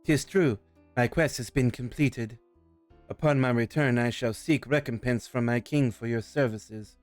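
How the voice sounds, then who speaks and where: A noble, loyal lady knight, acted by a man in a mid-low register, speaking in solemn archaic phrases. The fantasy role-play is recorded close and dry, with music underneath. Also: unhurried, no room sound, lightly acted.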